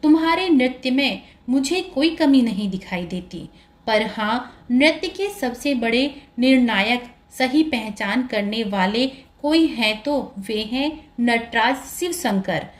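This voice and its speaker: A woman's voice: on the high side, animated, slow. Storybook god-king, male, commanding, read by a woman in a slightly raised voice. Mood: instructive. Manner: commanding, declarative. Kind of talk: storybook narration.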